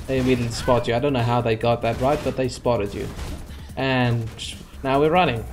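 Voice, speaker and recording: A man's voice: mid-range voice, fairly even intonation, brisk, over music. Sarcastic young man playing a video game. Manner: frustrated, sarcastic, talks to the game characters. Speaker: gaming channel host. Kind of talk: let's play commentary. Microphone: desk microphone.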